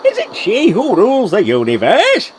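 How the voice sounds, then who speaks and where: A man's voice: high voice, huge pitch swings, moderate pace, slight background noise. A man playing a flustered, blustery old Santa Claus in a radio play.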